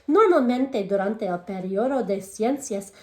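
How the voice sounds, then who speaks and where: Speaking at a normal speed in an animated, mid-range voice, a teacher gives a bilingual read-aloud for young children, reading a picture book in English, then Spanish, and stopping to question them. The space sounds echoey.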